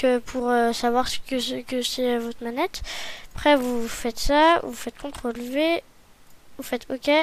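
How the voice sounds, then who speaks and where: High-voiced woman, hesitant tutorial. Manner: hesitant, frequent self-corrections and apologies. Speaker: tutorial host. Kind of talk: screen-recorded software tutorial.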